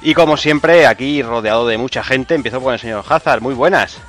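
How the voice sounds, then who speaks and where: A man's voice: mid-range voice, brisk, fairly bright tone. A man with an accent from Spain hosting a podcast in casual conversation. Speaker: podcast host. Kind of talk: casual podcast introductions and chat. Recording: music behind the talk.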